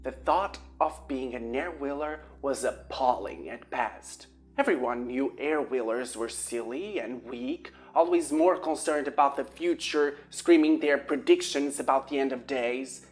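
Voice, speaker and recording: A woman reading an audiobook aloud with expressive storytelling. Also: extremely low pitch, measured pace, hardly any pauses. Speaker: audiobook narrator. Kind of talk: audiobook narration.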